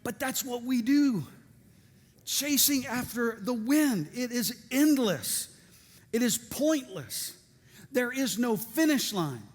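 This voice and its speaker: Energetic high-voiced male pastor preaching. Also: slow. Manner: energetic, joking asides, call-and-response. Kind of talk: sermon. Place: church sanctuary. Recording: reverberant church hall.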